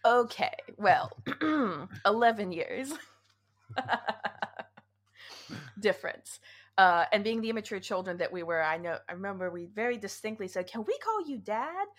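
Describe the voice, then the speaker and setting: A woman's voice: medium pitch, unhurried, long pauses. A woman in her thirties co-hosting a podcast, telling stories in a casual chat and laughing often. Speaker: podcast co-host.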